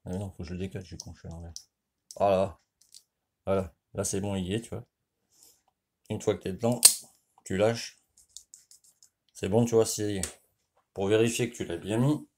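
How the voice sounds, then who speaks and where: Low, dark-voiced French man explaining. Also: steady tone, slight background noise. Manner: informal, speaks directly to the viewer, frequent "tu vois"; explains while working, with pauses and restarts. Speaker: motorcycle mechanic. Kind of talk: casual hands-on tutorial.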